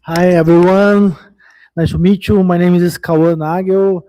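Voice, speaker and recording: A man's voice: high-pitched, fairly even intonation, unhurried, dark tone, poor audio. A man from Brazil, an entrepreneur and angel investor, introducing himself playfully and hesitantly. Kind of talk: self-introduction.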